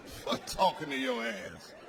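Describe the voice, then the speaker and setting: On a club stage, a man from Washington, D.C. does a loud stand-up set with a creaky voice, dropping low and mumbling before shouting his punchlines. It's a live club recording with ambient noise.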